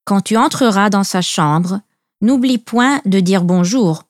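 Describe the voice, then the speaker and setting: A woman voicing a caring mother in a storybook reading, giving gentle, careful instructions. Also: mid-range voice, measured pace, no echo, clean studio sound, natural voice. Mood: instructing.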